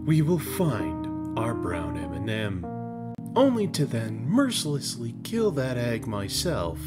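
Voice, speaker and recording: A young man narrating a home cooking video as a voice-over, with deadpan asides and sudden bursts of exasperation. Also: medium pitch, slow pace, loud music behind the voice. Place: home kitchen.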